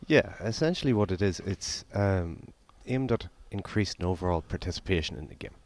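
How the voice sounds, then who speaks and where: Low-voiced man explaining things plainly. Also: expressive, fairly quick, darkish tone. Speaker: guest co-commentator explaining his own product. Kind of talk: conversational explanation during sports commentary.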